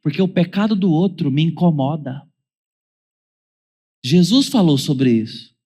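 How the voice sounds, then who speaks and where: Brazilian pastor guy giving a sermon, dry jokes, kinda highish voice. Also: expressive, a little slow, warm tone, breathy edge. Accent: Brazilian Portuguese. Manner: wry humor, mimics children's whining voices.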